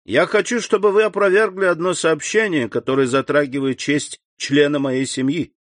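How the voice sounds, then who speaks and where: A man's voice: fairly high pitch, steady tone, normal speed, no echo, clean studio sound, pitched above the performer's own voice, close to an everyday voice. A man voicing an indignant young nobleman. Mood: insistent. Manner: firm, insistent demands. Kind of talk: audiobook character reading.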